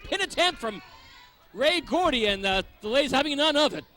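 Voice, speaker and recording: Male wrestling commentator, very high excited register, sharp forceful tone, wordy descriptive calls. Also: moderate pace. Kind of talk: live sports commentary.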